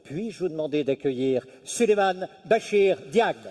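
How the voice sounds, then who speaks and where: A man presents the next speaker at a public event in a formal, announcing way. His voice is a little high, with a dark, mellow tone. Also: expressive, a little slow. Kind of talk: formal introduction.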